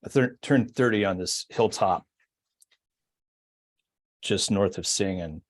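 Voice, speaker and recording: A man in his forties, a guest on a podcast, reflecting on his past in casual conversation. His voice is rather low and husky. He pauses, restarts and fills gaps as he thinks aloud. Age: 40s. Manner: reflective, hesitant, many fillers. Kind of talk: casual storytelling.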